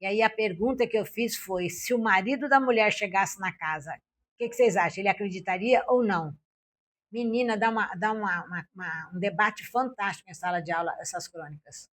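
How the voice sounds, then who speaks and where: A woman's voice: medium pitch, fairly quick, a bit bright. An older woman from Brazil, a former school principal and Portuguese teacher, telling classroom stories in an interview and acting out her own and her pupils' lines. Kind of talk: interview, recalling classroom experiences.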